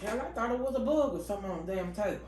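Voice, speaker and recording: A woman's voice: medium pitch, lively intonation, racing, echoey room, background noise. An older woman, a grandmother, bantering bluntly with her family, cursing and exasperated.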